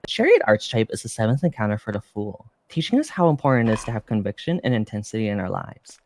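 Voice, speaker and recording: Role-player as seance-style psychic, earnest, intuitive, encouraging, lively intonation, improvised tarot reading. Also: mid-range voice, quick pace, a little hiss or hum. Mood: earnest, explanatory. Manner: hesitant, reassuring, intuitive.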